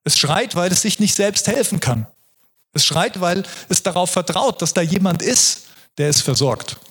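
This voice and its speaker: A man's voice: sits high, animated, normal speed, fairly bright tone, husky. A man preaching a sermon in an earnest, reflective way, often restarting his sentences.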